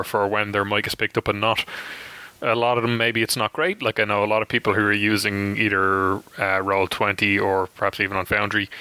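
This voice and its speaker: Bright-voiced man rambling on a podcast. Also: lowish voice, no room sound. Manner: rambling, many repeated words and restarts. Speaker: podcast co-host. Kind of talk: casual podcast chat.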